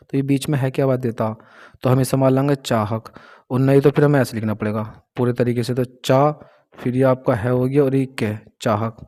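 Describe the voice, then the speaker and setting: A man's voice: medium pitch, darkish tone. Man patiently teaching shorthand. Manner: patient, asks and answers his own questions. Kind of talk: explaining a lesson step by step.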